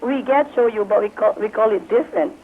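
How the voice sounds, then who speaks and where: A Filipina caller phones in, asking doubtful, teasing questions in a medium-pitched voice at a brisk pace. The line sounds tinny, with slight background noise.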